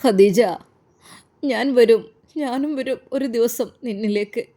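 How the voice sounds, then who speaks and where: A woman's voice: on the high side, unhurried, a little mellow, close to an everyday voice. A broken, weeping widowed father, put on by a woman narrator for a spoken storybook. He pleads and sobs with a voice that keeps breaking, in a Malappuram Malayalam accent. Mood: grieving.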